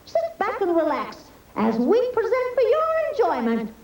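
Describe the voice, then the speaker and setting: A woman's voice: extremely high pitch, wildly swooping pitch, normal speed, roomy sound, far from the mic, loud music behind the voice, exaggerated voice. A woman voicing a cheeky young male koala who eagerly bosses his friends around. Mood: showy. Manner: eager, showy stage-director chatter. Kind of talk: animated cartoon voice acting.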